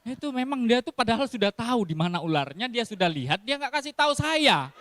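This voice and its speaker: A man's voice: very high-pitched, sing-song, brisk, a bit bright, no echo. A man giving a casual sermon in style, telling stories with acted quotes and frequent laughs. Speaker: preacher.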